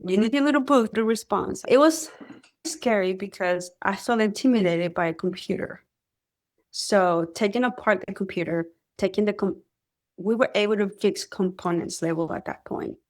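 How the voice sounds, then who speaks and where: A woman from Mexico, Spanish being her first language, speaks at normal speed with a medium pitch while telling her story. As a radar technician guest in a conversational interview, she tells it animatedly and performs the voices of those she quotes.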